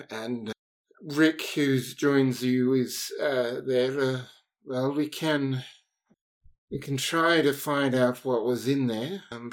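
A man narrating a tabletop game as game master, halting and thinking aloud. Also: mid-range voice.

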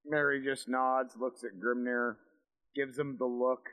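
A man's voice: medium pitch, flat delivery, a little slow, fairly bright tone. A man playing a tabletop role-play game, narrating his character's moves and lines. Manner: narrates his character's actions, then speaks her lines stiffly. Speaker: player. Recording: dull, echoey long-reverb sound.

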